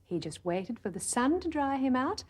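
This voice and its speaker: High-voiced woman teasing young children. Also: sing-song, normal speed, darkish tone, husky. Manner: playful, teasing questions to the listener. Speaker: children's entertainer. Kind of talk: talking to young children between songs. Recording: echoey room with long reverb and music.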